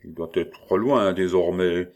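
A man voicing a brooding, drunk Breton man who speaks slowly with a grinding growl. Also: sits low, darkish tone. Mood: menacing. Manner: slow, grinding, growled delivery.

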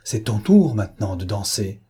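A man's voice: fairly low pitch, big pitch swings, moderate pace, mellow, breathy edge, exaggerated voice. A man voicing a vindictive senior official who speaks coldly and gloats. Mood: gloating. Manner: cold, gloating.

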